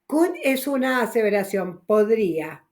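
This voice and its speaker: Unhurried woman teaching English grammar. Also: medium pitch, expressive, a little mellow. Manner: patient, explaining step by step with frequent "ok?". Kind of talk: online class teaching, mixing Spanish and English.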